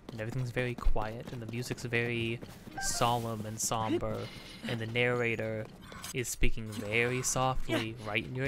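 Male let's play host, mid-pitched, casual meandering delivery over clear game music. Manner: rambling, many fillers and restarts. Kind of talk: casual gameplay commentary.

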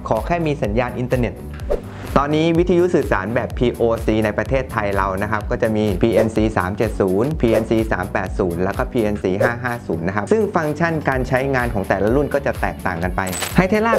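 A man delivers a scripted explainer as a product presenter. He speaks to camera, and music plays clearly behind his voice. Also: medium pitch. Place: small bright indoor showroom. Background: background music.

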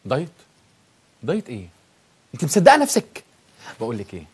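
A man's voice: mid-range voice, wildly swooping pitch, fast talker, slightly rough. A man with an Egyptian accent acting an exasperated husband in a comedy sketch, ranting and teasing. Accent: Egyptian Arabic.

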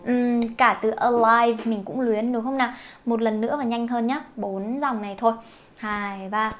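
A woman's voice: on the high side, steady tone, moderate pace, soft background music. A young woman teacher who explains a song, translates lines and points out pronunciation, singing parts herself. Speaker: English teacher teaching through songs.

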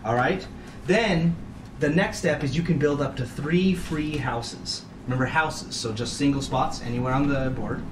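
A man's voice: medium pitch, moderate pace. A man explaining the rules of a board game to players at a table in a casual, chatty way, laughing often. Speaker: game teacher. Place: room around a table game. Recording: echoey room from a distance, faint noise.

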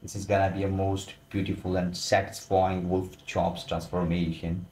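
Male commentator, casual voice-over, deep and unhurried, echoey room. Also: flat delivery, a little mellow. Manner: exclaiming, loose informal phrasing. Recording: roomy echo.

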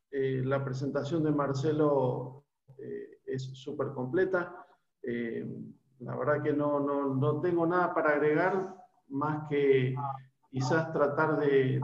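A university lecturer in his forties with an Argentine Spanish accent speaks informally to prospective students on a video call, hesitant and full of fillers and restarts. His voice is fairly high and a little mellow. He's in a small room at home using a laptop webcam, so the call sounds echoey, dull and lo-fi.

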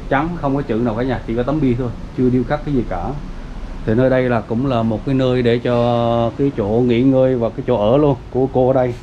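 A man's voice: mid-range voice, fairly even intonation, fast talker, a little hiss or hum. Chatty man giving an outdoor tour. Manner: chatty, many fillers, addresses viewers as everyone. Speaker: vlogger. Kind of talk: casual walking tour narration. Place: outdoors at a cemetery gate. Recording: dull lo-fi outdoor recording.

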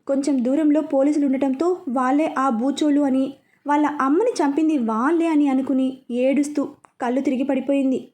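A woman narrating a serialized romance story with a steady, expressive reading. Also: high voice, normal speed.

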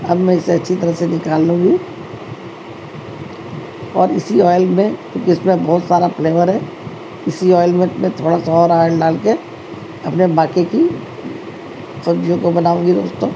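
A woman's voice: lowish voice, flat delivery, moderate pace, pauses often, background noise. A woman hosting a home cooking tutorial, talking chattily to her viewers, calling them friends and often correcting herself. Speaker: cooking channel host. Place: home kitchen.

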